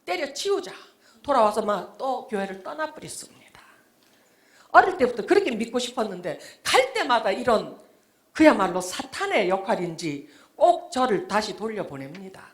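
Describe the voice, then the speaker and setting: Expressive woman telling a testimony. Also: medium pitch, moderate pace. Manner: emotional storytelling, swings from hushed whispers to loud exclamations; acts out her own past speech and thoughts. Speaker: guest speaker, author. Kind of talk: testimony talk to a church audience.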